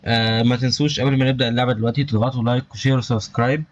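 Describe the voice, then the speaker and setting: A young man with an Egyptian Arabic accent, giving rapid, excitable let's-play commentary on a horror game with nervous exclamations. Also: medium pitch, lo-fi sound. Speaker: gaming YouTuber.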